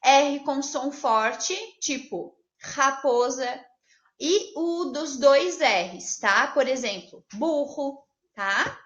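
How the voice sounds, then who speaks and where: A Brazilian woman teaching a Portuguese lesson to children, upbeat and patient, checking in with the class after each point and drawing out example words slowly. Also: sits high, expressive, fairly bright tone. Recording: roomy, slightly dull home video audio.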